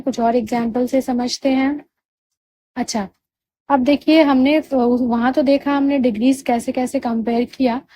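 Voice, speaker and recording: A woman gives a grammar lesson in a high, mellow voice. She patiently checks in with her listeners and stretches out key words slowly so they can be heard clearly. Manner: patient, repeats "ठीक है" and "है ना" to check understanding; drawls key words slowly to spell them out. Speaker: English grammar teacher. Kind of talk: explanatory lesson.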